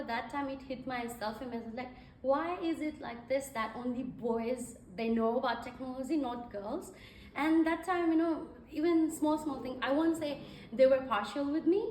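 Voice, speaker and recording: A woman's voice: on the high side, far from the mic, a little hiss or hum. Nepali-born woman speaking in an echoey hall. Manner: conversational, many fillers. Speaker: guest speaker. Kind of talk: event speech. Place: event hall.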